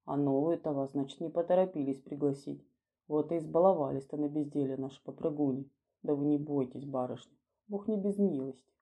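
A woman voicing a kindly, fussy old male footman who talks in soft, coaxing, folksy speech. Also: low-pitched, fairly quick, breathy edge. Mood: hushed.

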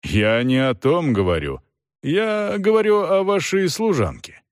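A stern, domineering older aunt from an audiobook, voiced by a male reader, pitched a little low. She speaks in curt, commanding phrases and brushes every objection aside, with a lively rise and fall. The sound is close and dry. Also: measured pace, no echo. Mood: brusque.

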